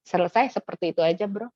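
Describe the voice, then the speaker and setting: A woman, a fellowship member, giving a casual testimony, relaxed and modest, laughing often. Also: mid-range voice, no room sound, dull audio.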